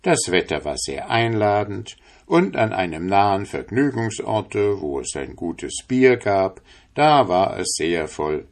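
A man with a lowish voice reads an old fairy tale aloud, unhurried and measured. He keeps a calm, even storytelling tone from line to line. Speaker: narrator.

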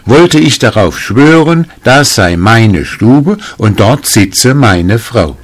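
A man's voice: mid-range voice, lively intonation, slow, pitched above the performer's own voice. A man voicing a simple, trusting farmer who is confused and earnestly pleading, in a read-aloud folk tale. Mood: bewildered.

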